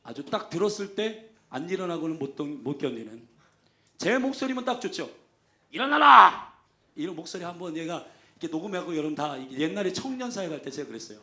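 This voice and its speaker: A male pastor preaching a Sunday sermon, emphatic, calling for amens, swinging between loud exclamations and soft asides. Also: fairly high pitch, big pitch swings, fast talker. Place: church sanctuary. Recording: echoey church sanctuary.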